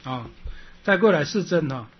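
A man teaching a Sanskrit class, repeating his points, clearing his throat often and ending phrases with a drawn-out "ha". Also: fairly high pitch, lively intonation, dull audio, a little hiss or hum. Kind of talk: classroom lecture.

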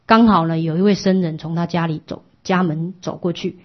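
A woman's voice: fairly low pitch, steady tone, fairly quick. A woman giving a Buddhist dharma talk, explaining patiently and asking rhetorical questions. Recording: dull lo-fi recording.

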